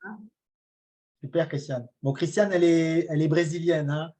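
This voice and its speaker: Casting: woman host, husky voice, casual chat in an online meeting. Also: low-pitched, steady tone, moderate pace, dark tone.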